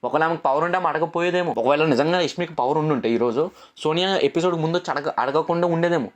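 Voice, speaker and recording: A young man giving a casual, opinionated reality show review, repeating himself and mixing in English words. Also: fairly high pitch. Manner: rapid, repetitive, mixes English words, argumentative.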